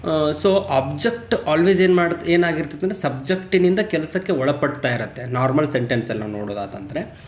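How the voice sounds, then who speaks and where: A man teaching grammar, reading his English example sentences slowly and deliberately. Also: fairly high pitch, animated, roomy sound, a little hiss or hum. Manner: slow, deliberate English example sentences between quick Kannada explanations. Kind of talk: explaining grammar in a lesson.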